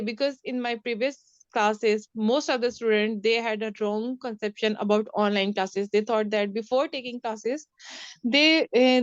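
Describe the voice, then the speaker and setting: A woman's voice: fairly high pitch, clear, resonant tone, dry recording, dull audio. A woman with a Pakistani accent, an English teacher talking informally and reassuringly in an online lesson, often repeating herself. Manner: repetitive, reassuring, calls student dear. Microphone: online call.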